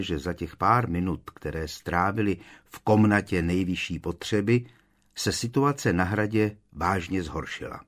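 A man narrating an audiobook in a measured storytelling manner. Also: fairly low pitch. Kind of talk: scripted narration.

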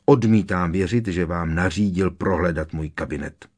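A man's voice: low voice, darkish tone. A man voicing a cold, sneering middle-aged potions master who speaks in a clipped, hissing way, in an audiobook reading. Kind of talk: audiobook character voice.

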